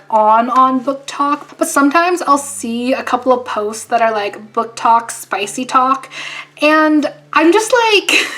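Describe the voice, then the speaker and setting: A young woman vlogger chatting casually with lots of fillers and lively asides, her voice a little hoarse. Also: a little high. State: losing her voice. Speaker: YouTuber. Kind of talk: casual chat.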